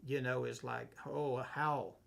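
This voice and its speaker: Male pastor, mid pitch, gravelly; conversational Bible teacher who quotes and explains scripture. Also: steady tone, fairly bright tone. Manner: reads scripture aloud and explains it verse by verse; unhurried, asks himself questions and answers them. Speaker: pastor leading a Bible study.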